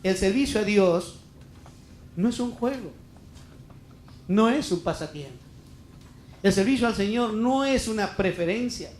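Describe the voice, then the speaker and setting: A man's voice: high voice, lively intonation, unhurried, long pauses, a little mellow, roomy sound, a little hiss or hum. A middle-aged Peruvian man preaching a heartfelt, emphatic sermon as a pastor, full of rhetorical questions. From Peru. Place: church hall.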